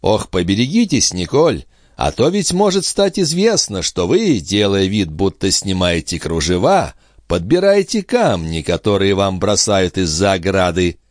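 A man voicing a calm, coldly composed young man in an audiobook. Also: sits low, unhurried, no room sound, studio quality, exaggerated voice. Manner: calm, cold. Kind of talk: audiobook character reading.

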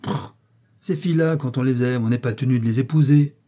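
A man reading an audiobook, voicing an angry, contemptuous peasant mother who scolds in loud outbursts. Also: mid-range voice, fairly quick, lightly acted. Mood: scornful, furious. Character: angry scornful peasant mother, older woman.

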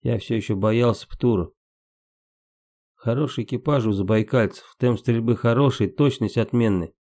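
A man's voice: mid-range voice, normal speed, dark tone. A man reading a first-person war memoir aloud in terse, matter-of-fact, clipped sentences.

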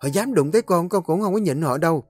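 A man's voice: fairly high pitch, lively intonation, fast talker, darkish tone, dry recording, faint music behind, pitched above the performer's own voice. A man doing a sassy defiant teen girl. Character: defiant cocky teenage girl, seventeen.

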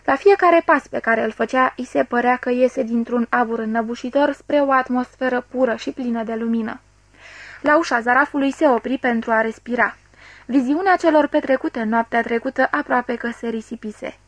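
A woman narrating a classic novel as an audiobook reader, in a steady, clear storytelling voice. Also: on the high side, dry recording. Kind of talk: scripted narration.

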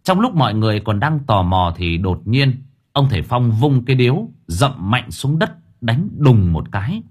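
A man narrating an audio story in a lively, dramatic way. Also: medium pitch, normal speed, slightly rough.

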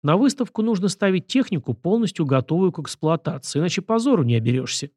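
A man reading the lines of a calm, ironic young man in an audiobook, dry in manner. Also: sits high, fast talker, no room sound, pitched above the performer's own voice.

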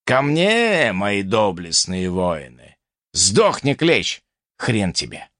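A man's voice: lowish voice, sing-song, slow, a bit bright, no echo, studio quality, heavily acted. A man voicing a hot-headed male viking jarl who bellows crude insults. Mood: furious.

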